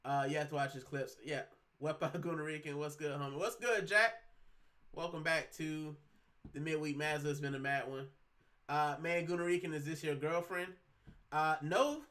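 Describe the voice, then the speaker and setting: A slightly high, pushed, bright voice belongs to a man in his thirties from Puerto Rico who hosts a casual livestream from home. Chatty and rambling, he talks in slang heavy with fillers while reading chat comments out loud.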